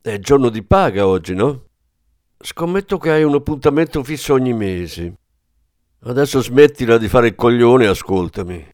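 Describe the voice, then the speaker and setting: A man voicing a grieving, menacing former policeman in an audiobook, with a hard, forceful delivery. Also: medium pitch, animated, normal speed, no echo, clean studio sound, natural voice. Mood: threatening.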